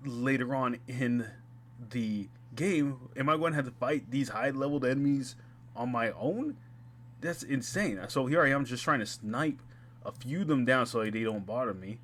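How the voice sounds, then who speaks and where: A man talking casually over his gameplay as a gaming YouTuber, chatty and quick to laugh at himself. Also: mid-range voice, fairly bright tone. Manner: chatty, laughs at himself, restarts mid-sentence. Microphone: home gaming mic.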